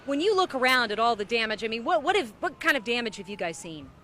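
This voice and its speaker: Bright-voiced woman field reporter. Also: on the high side, big pitch swings, fast talker. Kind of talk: sympathetic field interview. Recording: faint outdoor noise.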